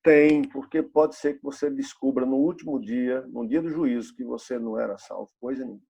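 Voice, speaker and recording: Gravelly, husky man in his fifties preaching. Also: medium pitch, steady tone, brisk, mellow, dull audio. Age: 50s. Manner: preaching with rhetorical questions and repetition. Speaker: pastor. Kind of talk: sermon. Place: church.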